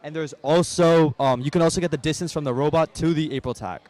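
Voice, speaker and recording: Guy casually explaining the tech stuff, quick, slightly high voice. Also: darkish tone. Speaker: student presenter. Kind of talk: technical presentation.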